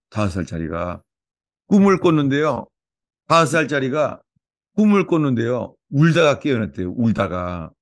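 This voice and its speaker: Chatty storytelling Korean pastor, dry sound. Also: male voice, medium pitch, no echo. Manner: chatty storytelling, repeats phrases, stumbles and restarts. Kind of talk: informal sermon and sharing time.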